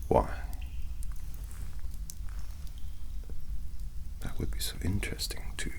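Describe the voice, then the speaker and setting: A man in his thirties with an English accent playing a haughty, menacing, dying medieval king in whispered role-play, with archaic, deliberate, halting phrasing. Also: close to an everyday voice. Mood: imperious, musing.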